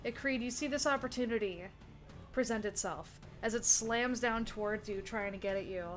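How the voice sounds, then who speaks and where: A woman's voice: a little high, moderate pace, soft background music. A woman narrating as game master in a tabletop game, describing the action with lots of restarts and fillers.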